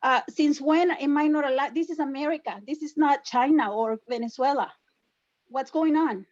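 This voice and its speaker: With a Salvadoran Spanish accent, a woman from El Salvador makes insistent, defensive remarks as a public commenter at an online town hall, repeating what she has said. Her voice sits high with a darkish tone at normal speed, and the highs are cut off.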